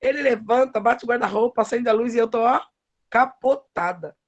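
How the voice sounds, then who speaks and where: A woman's voice: a little high, normal speed, muffled recording. A middle-aged woman preaching a devotional sermon, with emphatic, folksy storytelling.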